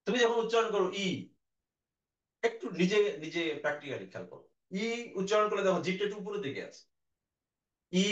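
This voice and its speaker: A male teacher giving a recorded class lecture, explaining patiently and sounding out vowels for his students. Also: high voice. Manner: explains slowly, demonstrates vowel sounds aloud; addresses students directly, patient. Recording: dull, echoey room audio.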